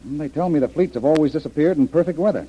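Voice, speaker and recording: An actor playing a hearty, fearless jungle adventurer in an old-time radio serial. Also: male voice, fairly high pitch, racing, slight background noise, lightly acted. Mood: intrigued. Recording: muffled vintage radio broadcast.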